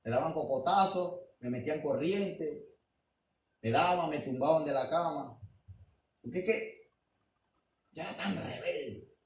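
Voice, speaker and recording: Emphatic preaching man, high-ish voice. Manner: emphatic preaching with rhetorical questions; swings between quiet asides and loud declarations. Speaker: pastor. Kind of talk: sermon. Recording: roomy and distant with faint background noise.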